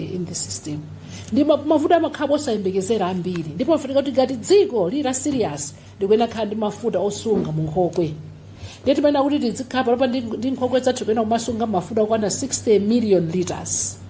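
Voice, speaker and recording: A woman's voice: medium pitch, mellow, a little hiss or hum. A woman with a Malawian accent explaining things emphatically in a public briefing. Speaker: official addressing the public at a briefing.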